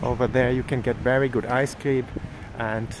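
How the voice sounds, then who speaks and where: A native German speaker gives a cheerful, chatty walking-tour vlog on a town street in the evening, pointing things out to viewers as he films on a handheld phone. His voice is medium-pitched, fairly flat in intonation and moderately paced. Passing cars add street noise.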